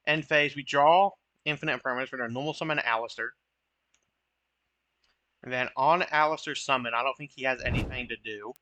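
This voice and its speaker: A man's voice: mid-range voice, brisk, bright, forceful tone, no echo, lo-fi sound. A young man giving casual, chatty commentary over his own card game matches, joking at his own misplays. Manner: chatty, self-deprecating, occasional swearing.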